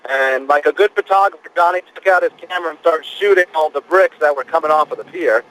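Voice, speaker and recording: A male field reporter telling his storm experience live and unscripted, halting and repeating words as he goes. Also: a little high, a bit bright, rough recording.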